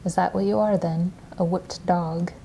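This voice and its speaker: A woman's voice: fairly low pitch, fairly even intonation, moderate pace, vocal fry, dark tone, a little hiss or hum. A woman voicing a mischievous young woman who teases and coaxes a prisoner. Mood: taunting.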